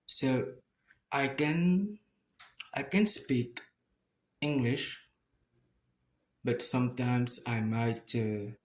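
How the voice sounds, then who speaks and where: A man with a Mauritian accent and Mauritian Creole as his first language talks casually to viewers, halting as he searches for words and repeats phrases. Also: mid-range voice, darkish tone. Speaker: YouTuber making a first video.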